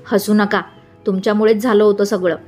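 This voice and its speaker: A woman's voice: medium pitch, flat delivery, brisk, darkish tone, soft background music, natural voice. A woman reading the lines of a teasing, pouting young male assistant in a storybook.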